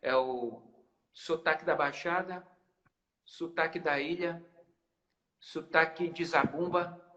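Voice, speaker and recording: A guest musician and band founder from Maranhão, Brazil, talks in a casual live-stream interview. He explains things patiently, often restarting his phrases, in a slow, a bit bright, slightly high voice. The audio is dull.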